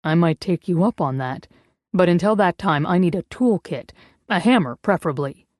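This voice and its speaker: A woman's voice: expressive, normal speed, a little mellow, no echo, studio quality, close to an everyday voice. A woman doing a cold, menacing protector. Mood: grim. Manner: cold, low, threatening. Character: big, menacing, protective man, dour.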